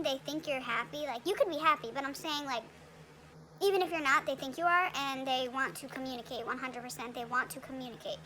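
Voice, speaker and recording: A young woman with a high voice gives a relaxed tarot reading, talking around a retainer in her mouth. Her speech is chatty and loose, full of fillers and "okay?" check-ins. A faint noise sits under the recording. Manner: chatty, many fillers and tag questions. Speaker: tarot reader.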